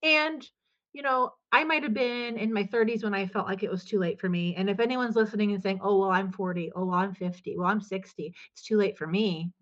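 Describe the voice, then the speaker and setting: A woman's voice: medium pitch, brisk, dull audio. A woman guest, a business coach, talking in a casual podcast chat with an upbeat, emphatic, motivational manner.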